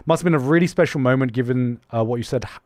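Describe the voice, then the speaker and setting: Casually chatting on his livestream, a young man reads viewer messages aloud, laughing frequently and quickly restarting his sentences in an animated manner. He has a mixed, slightly British-tinged English accent and a mid-range voice, recorded dry in clean studio sound.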